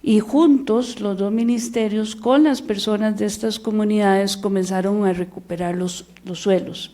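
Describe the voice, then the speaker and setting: A Costa Rican woman speaks as a panelist in a warm, mellow tone at an ordinary pitch. She is measured and unhurried, and she pauses often on small filler sounds as she builds each point. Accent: Costa Rican Spanish. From Costa Rica. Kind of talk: panel discussion remarks.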